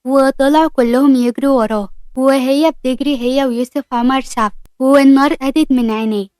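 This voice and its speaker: A woman with an Egyptian accent narrating a comedy story in a lively, brisk way. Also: sits high, no room sound. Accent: Egyptian Arabic.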